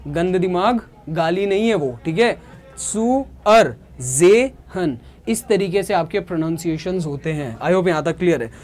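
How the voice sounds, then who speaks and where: A man's voice: high-pitched, darkish tone. A man from India teaching a beginner language lesson, explaining patiently and often checking whether students have understood. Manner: slow, drilling words by repetition. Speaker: German teacher.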